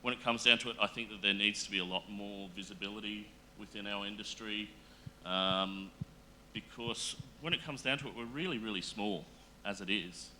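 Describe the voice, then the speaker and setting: A man speaking on a panel in a casual, earnest way, halting often with fillers and restarts. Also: lowish voice, bright, forceful tone, a little hiss or hum. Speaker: panel guest.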